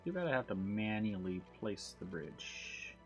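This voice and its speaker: A man's voice: on the low side, sing-song, unhurried, highs cut off, faint music behind. A man streaming a game over a headset mic, thinking aloud as he fixes things and greeting his chat. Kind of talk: casual gameplay livestream chat.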